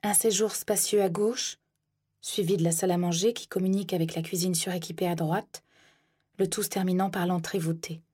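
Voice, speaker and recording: A woman reading a first-person audiobook in a tense, hushed storytelling manner. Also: lowish voice, steady tone, a little fast, husky. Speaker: narrator.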